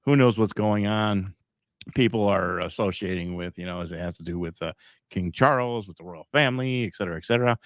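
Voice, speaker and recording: A man's voice: low-pitched, a little fast, dry recording, studio quality. A middle-aged man hosting a live podcast, talking in a rambling, emphatic way with frequent chuckles. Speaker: podcast host.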